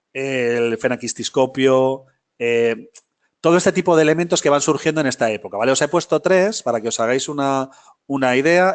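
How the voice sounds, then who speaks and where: A man teaching a film history class live, talking casually, often checking in with his students and correcting himself as he goes. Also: mid-range voice. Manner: many fillers and self-corrections.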